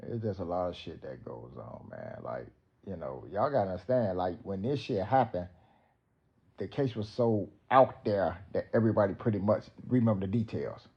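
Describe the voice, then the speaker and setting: A man's voice: low voice, animated, normal speed, lo-fi sound. Man host with loose slang commentary. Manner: loose, profane, street slang. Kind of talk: casual commentary.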